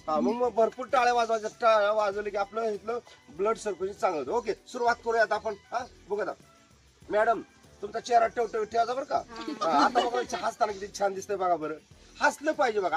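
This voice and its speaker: High-voiced man running a magic show. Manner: lively, coaxing, joking with the audience. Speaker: stage magician. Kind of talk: live magic show patter to a crowd.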